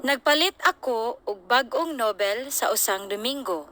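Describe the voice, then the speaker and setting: Woman reading phrases super slow for learners, bright crisp tone, sounds played back. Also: a little high, animated. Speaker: recorded pronunciation model. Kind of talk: slow clear model reading.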